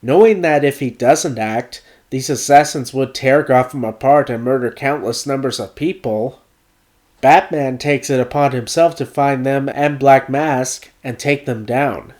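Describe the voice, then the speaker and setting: A man hosting a video essay reads a scripted game review with careful, measured deliberation while he gets over a cold. The voice is mid-range and leans darkish.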